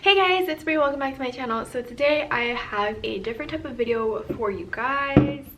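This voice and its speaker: A woman's voice: high-pitched, normal speed, a bit bright, far from the mic. A woman chatting casually in an eating vlog, loose and full of ums and likes. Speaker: vlogger.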